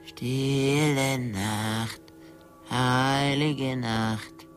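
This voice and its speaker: An actor in a radio play voicing a taunting anonymous killer who speaks slowly and slips into mocking whispers. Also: low-pitched, expressive, creaky, faint music behind, exaggerated voice. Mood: eerie. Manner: slow, mocking, drifting into whispers. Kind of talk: radio drama acting.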